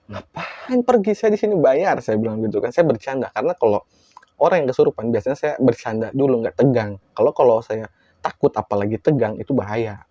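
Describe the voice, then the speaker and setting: A man telling a horror story in a casual, lively way, acting out quoted lines with big jumps in his voice. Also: medium pitch, fast, no echo, dull audio.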